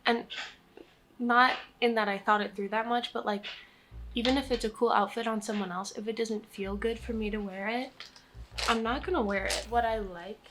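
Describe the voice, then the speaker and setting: A woman's voice: a little high, fairly even intonation, normal speed, background noise. A young American woman chatting casually and candidly in a Q&A vlog, self-deprecating and swearing freely. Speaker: vlogger.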